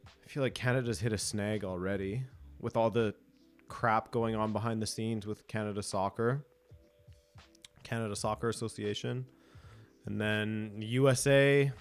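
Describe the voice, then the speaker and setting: A man's voice: medium pitch, clean tone. A man hosting a live football watch-along stream, chatting casually, chuckling and reading viewer comments aloud.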